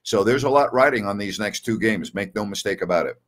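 A man's voice: on the low side, brisk. An older man hosting a postgame basketball talk show over a video call, emphatic and opinionated, repeating his key words. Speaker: sports talk host.

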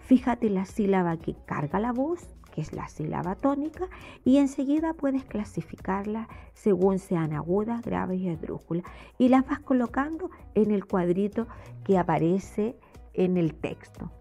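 A Chilean woman teacher narrates a recorded lesson for children, her voice gravelly and a little husky. Her pitch rises and falls in a lively way as she explains each step slowly. Soft music plays faintly underneath. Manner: slow, explanatory classroom delivery. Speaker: primary school teacher. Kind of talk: recorded remote lesson voice-over.

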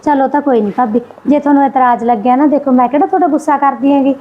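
A woman's voice: sits high, rapid-fire, narrow, tinny audio, lightly acted. A woman playing a patient mother who pleads and placates while defending her son. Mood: pleading. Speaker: visiting daughter and mother.

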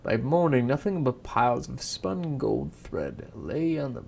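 Young guy reading a bedtime story slow, gravelly voice, swings up and down a lot, cusses when he flubs. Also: mid-range voice, huge pitch swings, darkish tone, slight background noise. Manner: unpolished, breaks off to swear and laugh at himself.

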